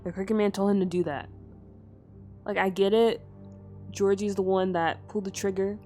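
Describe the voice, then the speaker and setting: A woman's voice: medium pitch, steady tone, moderate pace, darkish tone, faint music behind. A young woman commentating a story game as she plays, talking casually with lots of fillers and an exasperated, overthinking manner. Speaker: gaming streamer. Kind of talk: casual let's play commentary.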